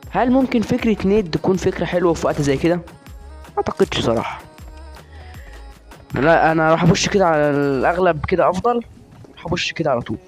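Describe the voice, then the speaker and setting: A man's voice: a little high, expressive, quick pace, pauses often, soft background music. A young man with an Egyptian Arabic accent commentating his own shooter game live, chatty and teasing his opponents.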